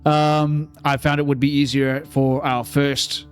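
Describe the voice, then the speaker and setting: A man's voice: fairly high pitch, little pitch movement, measured pace, soft background music. A man acting as game master, explaining a tabletop horror scenario in casual chat and stopping often with ums and uhs while he recalls details.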